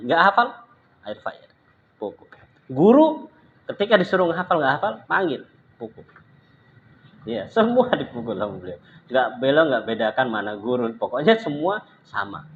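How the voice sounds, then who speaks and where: A man giving an informal religious lesson, telling stories in a lively way and acting out what others said. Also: muffled recording. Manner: animated storytelling, acts out quoted speech with pitch jumps. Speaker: religious teacher. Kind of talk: informal lecture with anecdotes.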